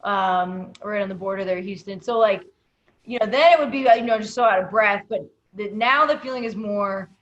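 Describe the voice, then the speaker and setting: A woman chats on a video call, rambling along with plenty of fillers and now and then letting her voice drop away. The audio sounds a little muffled and lo-fi. Her pitch sits in an ordinary middle range. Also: normal speed, fairly bright tone. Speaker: comedian and guest. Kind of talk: casual video call discussion.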